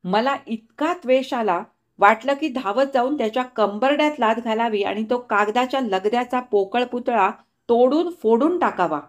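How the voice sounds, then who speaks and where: A woman reading a short story aloud, with expressive, steady narration. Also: a little high, normal speed.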